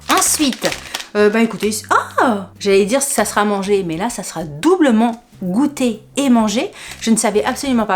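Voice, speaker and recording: A woman vlogger chatting casually to her viewers as she unpacks a food box, rambling, laughing often, and jumping up in pitch when surprised. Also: slight background noise. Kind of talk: casual unboxing chat to camera.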